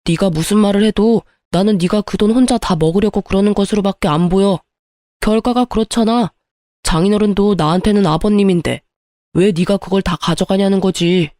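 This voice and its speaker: A woman puts on a greedy ex-husband who blames and justifies himself at every turn. The voice is soft and mellow, recorded close and dry, as in a narrated audio story. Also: mid-range voice, fairly quick, no echo, close to an everyday voice. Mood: indignant. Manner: accusing, self-justifying. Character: greedy, indignant ex-husband, adult man.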